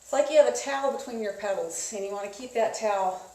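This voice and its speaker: A woman instructing an indoor spin class in a casual, conversational coaching style, giving gently encouraging cues. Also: medium pitch, fast talker. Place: indoors, echoey room. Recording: echoey room, distant mic, clear noise.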